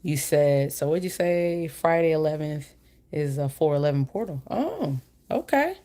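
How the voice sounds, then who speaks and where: Very low-voiced woman talking with a retainer in. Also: steady tone, normal speed, mellow. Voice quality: slightly slurred speech from wearing a retainer. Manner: informal, slangy, meandering. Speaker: livestream host. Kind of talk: casual livestream chat.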